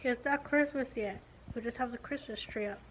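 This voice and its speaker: A young beauty vlogger, stuffy-nosed after nose surgery, talks briskly into a phone camera at arm's length in her living room. Her slightly high, fairly bright voice comes out blocked-up and a little muffled, as if her lips can't move freely, over a faint hiss. She rambles chattily in video-diary style, full of "um" and "like."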